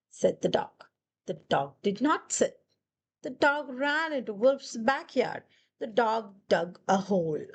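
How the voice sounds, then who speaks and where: Slow, lively woman reading a storybook aloud. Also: a little hiss or hum. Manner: slow storytelling, voices quoted lines higher. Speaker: narrator reading a picture book aloud. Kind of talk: children's read-aloud.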